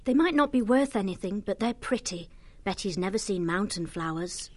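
A man voicing a gentle young female badger who speaks softly and wistfully. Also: high-pitched, animated, moderate pace, pitched above the performer's own voice. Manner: soft, wistful.

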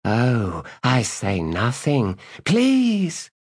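A man voicing a playful noblewoman in bed with a husky, whispering voice. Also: on the high side, very animated, slow, no room sound, clean studio sound, voice pushed up, full character voice. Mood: coy, breathy.

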